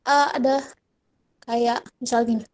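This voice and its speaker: Brief: high-pitched mother, chatty and polite, calling in to a webinar. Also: flat delivery, unhurried. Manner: chatty, addresses speaker as "Bu". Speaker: parent asking a question. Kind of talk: casual storytelling on a call. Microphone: video call.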